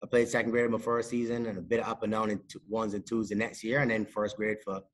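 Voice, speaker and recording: A man, talking as a podcast guest on a video call in a small room, measured and modest, with many fillers. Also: lowish voice, flat delivery. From Barbados. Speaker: sports psychologist and cricket coach, podcast guest. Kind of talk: casual interview talk. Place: indoors, small room with a plain wall.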